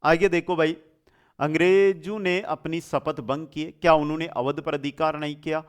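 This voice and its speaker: His voice is a little high and smooth, with little pitch movement and a moderate pace. He teaches an exam lesson as a series of questions and answers, repeating answers and addressing students familiarly with rhetorical questions.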